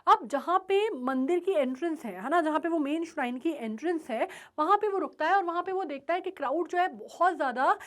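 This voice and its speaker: A high-pitched woman teacher walks through a story chapter, mixing English terms into her explanations. She keeps checking whether her listeners are following. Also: lively intonation, brisk, few pauses. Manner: explains with frequent check-in questions; mixes Hindi and English terms.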